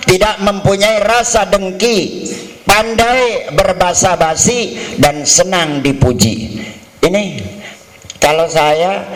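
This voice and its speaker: Lecturing pilgrims with humor, a middle-aged man serving as a hajj instructor livens things up by performing quarrels and haggling in mock voices. He sits high in pitch, and the audio is poor.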